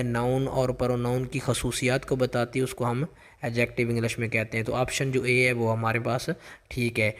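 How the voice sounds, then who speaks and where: A man teaching English grammar for a job test, explaining each answer with lots of repetition and reading the English sample sentences out slowly. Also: medium pitch, long reverb tail. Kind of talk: explaining exam questions.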